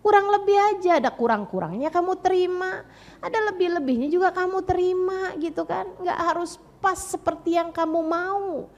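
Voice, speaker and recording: A woman with a high voice preaches to mothers. She stresses points by repeating them and acts out the words of parents and children. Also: moderate pace, dull audio. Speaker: Islamic preacher. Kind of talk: sermon to mothers.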